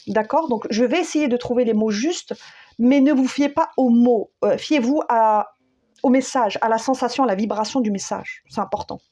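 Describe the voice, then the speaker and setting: Woman tarot reader, slightly high voice; unhurried and halting, talking to listeners as friends. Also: dark tone, lo-fi sound. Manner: searching for words, many fillers, addresses listeners as friends; slow, soothing, repeats key phrases. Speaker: tarot and spiritual guidance reader. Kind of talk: spontaneous spoken guidance.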